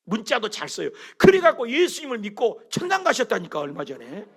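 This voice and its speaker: A man's voice: high-pitched, huge pitch swings, fairly quick, creaky, a bit bright, husky. A middle-aged man preaching a sermon as pastor, telling stories with animation and throwing questions at the congregation.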